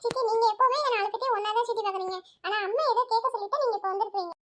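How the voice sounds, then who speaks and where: A woman voicing a frank, defensive young college student who talks rapidly and insistently in an audio story. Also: very high voice, fairly bright tone.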